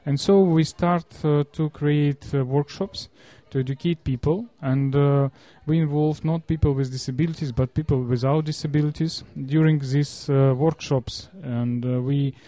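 A man from Russia with a Russian accent, explaining in an interview in halting non-fluent English, often searching for words. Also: fairly high pitch, steady tone, dark tone, dry recording.

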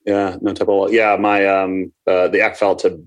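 A man's voice: low voice, little pitch movement, normal speed. A man raised in Minnesota, a business coach, explaining at length in a casual interview with many fillers.

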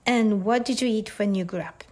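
A woman hosting a podcast interview, speaking in a friendly, slightly halting manner. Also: mid-range voice, dark tone. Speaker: podcast host.

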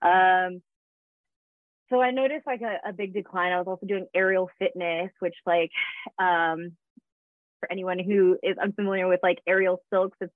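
A woman's voice: lowish voice, fairly even intonation, normal speed, no echo. A woman in her thirties, a guest telling her story in a casual interview, chatty with frequent laughs and fillers. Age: 30s. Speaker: guest, fitness business founder. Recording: tinny phone-like line.

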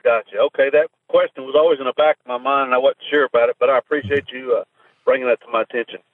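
A man calling in to a radio advice show, heard over a phone line, asking his question politely with halting pauses and fillers. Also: mid-range voice, fairly even intonation, no echo. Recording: narrow tinny phone line.

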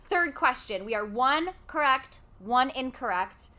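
A woman in her thirties co-hosting a casual podcast, running a quiz game in a loud, bubbly way. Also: high-pitched, lively intonation, measured pace. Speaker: podcast co-host.

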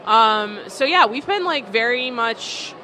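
Speaking slowly in a slightly high, sharp voice with lively intonation, a distillery co-owner fields interview questions at a bustling food market. Her replies are chatty and loose, full of "um" and "like," with market noise all around.

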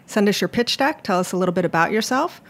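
A woman's voice: medium pitch, expressive, fast talker. A woman hosting a live radio interview show, addressing listeners and guests from a small studio. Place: small broadcast studio in a shipping container.

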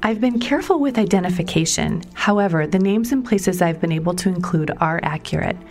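Low-voiced woman narrating a documentary. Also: expressive, a little mellow. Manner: measured storytelling with emphatic questions. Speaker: podcast reporter and narrator. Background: music underneath.

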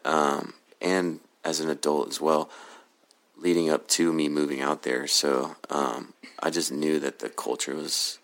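A man from Oklahoma with a very deep, low magnetic voice, answering interview questions casually in a hesitant, laid-back, halting way. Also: flat delivery, fairly bright tone. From Oklahoma City, USA. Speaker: podcast guest, cannabis grower.

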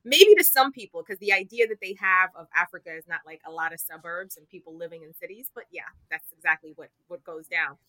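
A woman's voice: fairly low pitch, brisk, hardly any pauses, sharp tone, dry recording, low-quality recording. A woman in her thirties from Zimbabwe, a TV host who is a guest on a podcast, telling stories with playful, self-mocking humor. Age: 30s. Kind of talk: casual interview chat.

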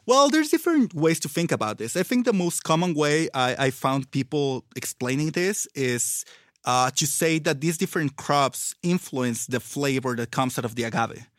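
A man's voice: on the high side, expressive, normal speed, fairly bright tone, no room sound. Mexican-accented man explaining in Spanglish-tinged English, close and dry. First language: Spanish. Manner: Spanglish, English with Spanish-influenced words and pronunciation. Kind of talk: casual conversational explanation.

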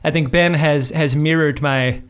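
A man hosting a podcast in casual chat, speaking into a boom microphone. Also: steady tone, a little slow, a bit bright, smooth. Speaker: podcast host. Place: bathtub in a home bathroom.

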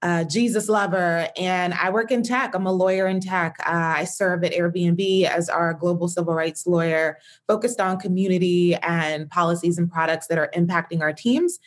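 A woman from Texas joins a podcast as a guest. Her voice is lower than most, and she speaks in an upbeat, gracious way. She laughs easily. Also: steady tone, moderate pace, few pauses. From Houston, Texas. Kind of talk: casual podcast chat.

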